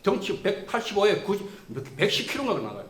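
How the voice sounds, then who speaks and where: A man giving a lecture, telling stories in a lively way and acting out the people he quotes. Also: sits high, fairly quick, reverberant. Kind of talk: storytelling lecture. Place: lecture room.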